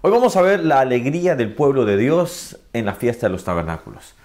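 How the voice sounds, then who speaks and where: A man teaching a chapter-by-chapter Bible reading, gentle and unhurried, with slow emphatic stresses. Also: mid-range voice, sing-song.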